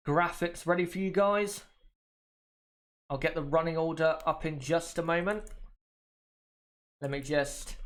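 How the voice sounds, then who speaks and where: A British man with a slight cold hosts a casual watchalong livestream, chatting with viewers and often repeating himself. His voice sits on the high side with a fairly bright tone.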